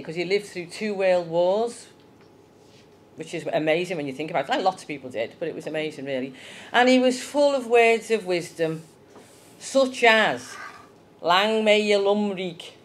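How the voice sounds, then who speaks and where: Chatty woman, lower voice. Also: expressive, moderate pace. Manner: chatty, asks the children questions. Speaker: children's talk leader. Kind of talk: informal children's talk in church. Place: church.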